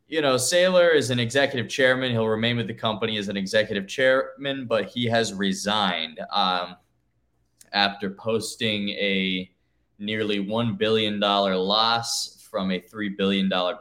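A man's voice: on the low side, sharp tone. A man co-hosting a casual chat, talking in a loose, rambling way full of "you know". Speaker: podcast co-host. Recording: echoey room.

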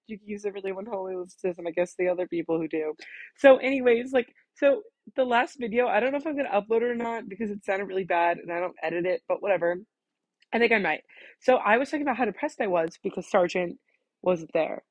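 A woman's voice: on the high side, fast, no room sound. A teenage American young woman with a slight lisp from wearing retainers, rambling casually and self-consciously on her podcast, giggly and peppering her talk with "like". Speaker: podcast host. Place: in bed at home.

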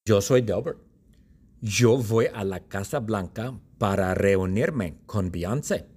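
A man speaking as a suspicious fellow heading to a meeting, in slow, simple, repeated sentences. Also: on the low side, darkish tone, breathy edge. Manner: slow, simple, repetitive storytelling.

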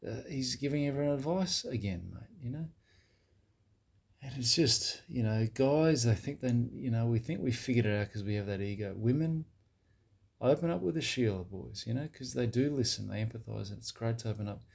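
A man playing a blokey Australian bro who gives dubious advice in a satirical monologue, with a husky, laddish way of talking. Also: medium pitch, lively intonation, normal speed, darkish tone. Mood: matter-of-fact. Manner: laddish, drops "mate" and "bloody" constantly.

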